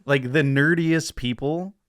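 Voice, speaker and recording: A man's voice: on the high side, measured pace, a bit bright. A middle-aged man from New Mexico, a podcast guest telling rambling, laughing stories and swearing freely. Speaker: podcast guest, pizza consultant. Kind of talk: casual chat, storytelling.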